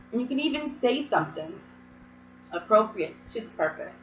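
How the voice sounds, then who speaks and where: A host with a cold, hoarse and coughing now and then, rambles casually through a hobby practice with plenty of fillers and asides. Her voice is a little high and slightly slow, a bit bright with big pitch swings, captured by a distant, dull mic in a roomy space with slight hiss or hum.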